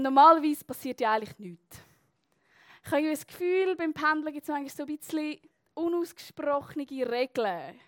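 A woman's voice: high-pitched, fairly bright tone, no echo. A young woman with a Swiss German accent telling a personal story to an audience in a chatty way, with many fillers and tag questions.

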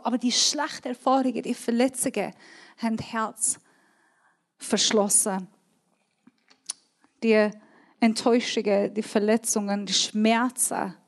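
A woman's voice: a little high, steady tone, measured pace, pauses often. Earnest Swiss German woman preaching. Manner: earnest, emphatic, repeats key words. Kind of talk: sermon.

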